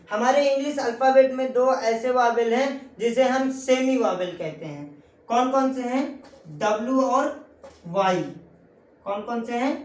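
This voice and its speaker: A woman teaching English grammar in an online lesson, asking the class a question after each point and answering it herself. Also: fairly high pitch. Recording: echoey room.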